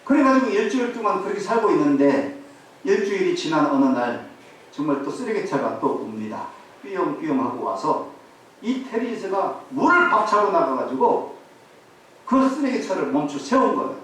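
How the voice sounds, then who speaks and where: A male pastor preaching a sermon to his congregation, telling a story in an animated way and asking the listeners rhetorical questions. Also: high-pitched, normal speed, far from the mic. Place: church sanctuary. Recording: very echoey hall, voice off-mic, faint hiss.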